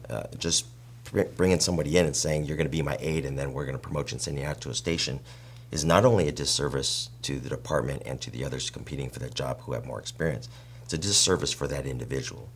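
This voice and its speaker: A man interviewing someone with long, frank statements, speaking deliberately and challenging politely. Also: rumbling low. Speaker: interviewer representing department members. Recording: clear background noise and hum.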